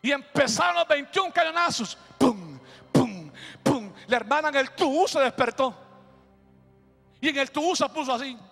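A male pastor telling a story during a sermon, preaching with shouted bursts and acted sound effects. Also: very high voice, fairly quick, creaky. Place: church. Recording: echoey church hall with music.

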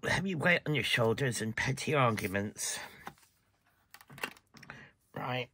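A male tarot reader gives a casual, chatty reading, sometimes dropping to a whisper and breaking off to yawn and apologize. His medium-pitched voice is husky, bright, and forceful, animated but slow.

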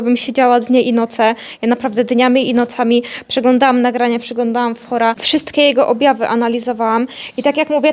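A woman's voice: on the high side, darkish tone. Chatty young woman vlogging. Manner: chatty, talks fondly to her animals. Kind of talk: casual vlog chat.

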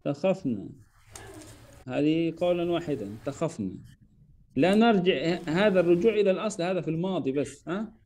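Going over homework in an online lesson, this Arabic teacher speaks at normal speed in a fairly high, expressive, slightly mellow voice. He works through verb forms one by one with patience, openly fixing his own slips and his student's.

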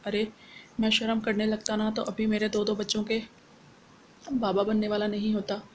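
A woman's voice: mid-range voice, monotone, normal speed, a little mellow, a little hiss or hum, natural voice. A woman reading the lines of a playful, boastful young husband who teases his wife in an audio novel. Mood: teasing. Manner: teasing, bantering.

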